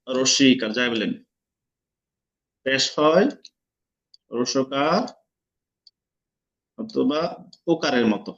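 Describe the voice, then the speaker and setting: A man's voice: medium pitch, fairly bright tone. Man, online teacher, explains step by step, asks the students questions, muffled lo-fi audio. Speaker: Quran recitation teacher. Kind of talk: online lesson.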